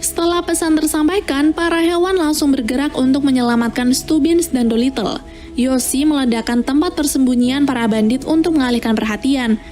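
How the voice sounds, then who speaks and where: A woman narrates a story from a script. Her tone is soft and mellow, and music plays behind her. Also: high voice, a little fast. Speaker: narrator of film plot recaps.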